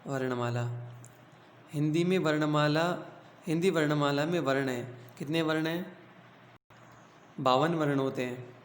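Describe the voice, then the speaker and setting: A man teaching a grammar lesson to schoolchildren. He explains slowly, asks the class questions and then answers them himself. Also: on the high side. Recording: echoey room with faint hum.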